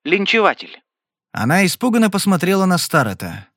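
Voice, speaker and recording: A man's voice: sits high, dry recording, clean studio sound. Male narrator reading a Western. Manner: steady, measured storytelling. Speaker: audiobook narrator. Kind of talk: scripted audiobook narration.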